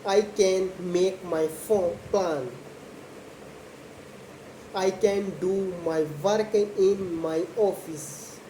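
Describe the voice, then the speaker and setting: A young woman speaks English as a second language at an extremely slow, deliberate pace, pausing between short simple phrases. Her voice is soft-edged and mellow. The recording has an echoey room sound with faint noise behind it. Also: medium pitch, fairly even intonation. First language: not English. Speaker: host of a slow English speaking practice video. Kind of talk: slow spoken monologue about a daily routine for English learners.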